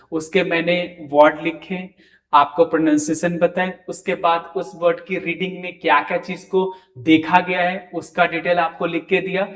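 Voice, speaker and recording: Man, high voice, French teacher, online lesson, drills words one by one. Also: fairly bright tone, echoey room. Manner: repeats words slowly, frequent "ठीक है".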